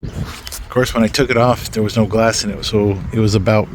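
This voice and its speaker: A man's voice: lowish voice, steady tone, fast talker, a little hiss or hum. A man giving casual, rambling commentary outdoors while working on his own vehicle, full of ums and mild swearing. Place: outdoors in a yard beside a vehicle.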